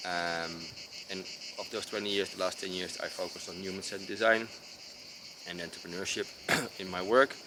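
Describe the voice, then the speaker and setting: Out in rural mountains, with crickets and insects chirping clearly in a noisy background, a Dutch designer casually explains his approach. His voice is deep and low with fairly even intonation, and his Dutch accent comes through as he talks slowly and unevenly, hesitating with many fillers, frequent pauses and restarts.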